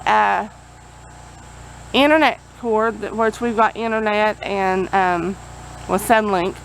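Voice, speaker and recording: A woman's voice: mid-range voice, fairly bright tone, poor audio. A woman gives a casual vlog update outdoors in a folksy, rambling way, talking over generator and vehicle noise. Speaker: vlogger. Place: outdoors near a road. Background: generator and passing vehicles.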